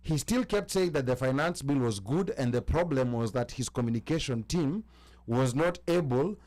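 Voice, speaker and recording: A man in a casual panel discussion, speaking in a measured way and building on the others' points. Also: medium pitch, lively intonation, darkish tone.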